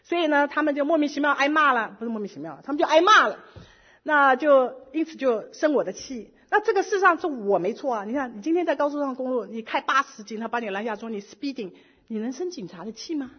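A middle-aged woman with a high, husky voice shares a personal testimony. She tells her story in a lively way and drops English words in here and there. The recording sounds dull and lo-fi. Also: fast. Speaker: church member giving a testimony.

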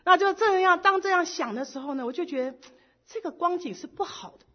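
A middle-aged woman giving a personal church testimony in lively storytelling style, slipping English words into her speech. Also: extremely high pitch, fairly quick. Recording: dull lo-fi recording.

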